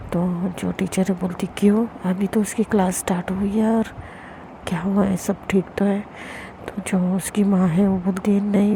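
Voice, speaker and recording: Woman casually telling a story, low gravelly voice, pretty flat, bit of faint background noise. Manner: retells dialogue plainly without voicing characters.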